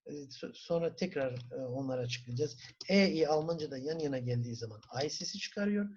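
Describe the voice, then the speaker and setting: A man with a Turkish accent teaching a German class, asking the students questions, answering them himself and repeating words slowly for pronunciation. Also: on the high side, lively intonation, darkish tone, a little hiss or hum. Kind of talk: classroom lesson. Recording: dull lo-fi recording.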